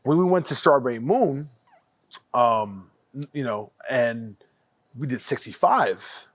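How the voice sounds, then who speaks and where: A man hosting a casual podcast chat, talking emphatically and swearing, with quick agreements. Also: medium pitch, lively intonation, dry recording. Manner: emphatic, profane, quick affirmations. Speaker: podcast host.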